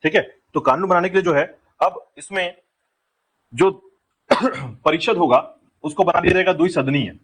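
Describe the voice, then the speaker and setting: A man's voice: high-pitched, a little slow, long pauses, fairly bright tone, breathy edge, poor audio. A man teaching an exam-prep lecture, drilling key points and repeatedly telling students to remember them. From India.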